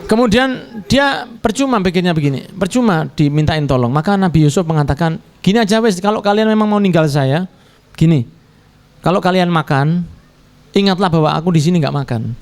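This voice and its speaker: A man delivers a storytelling sermon. He slips into the characters' voices, and his pitch jumps up and down as he does. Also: animated, fairly quick, a little mellow, a faint crowd. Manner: acts out characters' lines with shifting pitch. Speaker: preacher.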